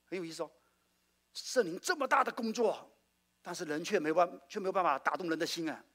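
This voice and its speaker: Animated male preacher questioning his congregation. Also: sits high, fast talker. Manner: call-and-response preaching, asks the congregation questions; animated, swings between loud exclamations and quiet asides. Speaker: pastor. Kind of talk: sermon.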